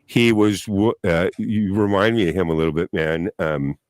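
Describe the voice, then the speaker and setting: Guy with a lowish voice, dry close mic, swearing and saying "man" a lot. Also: normal speed, no echo. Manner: loose storytelling with swearing and "man". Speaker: panel guest, comedian. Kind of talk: casual chat.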